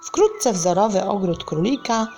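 A woman reading a children's story aloud, gentle and deliberate. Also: medium pitch, lively intonation, music in the background.

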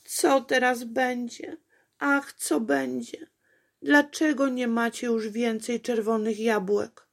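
A woman's voice: a little high, takes it slowly, darkish tone, breathy edge, pitched above the performer's own voice. A woman doing Apolejka, a fretful little princess. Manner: exclaiming, breathless worry. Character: fussy little princess girl, easily worried.

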